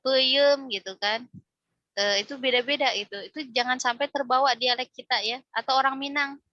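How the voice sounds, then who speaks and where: Bright-voiced woman teaching Quran recitation. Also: high-pitched, fairly even intonation, fast talker, no room sound, lo-fi sound. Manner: explains step by step, frequent tag "ya", demonstrates recitation aloud. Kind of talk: religious class lecture.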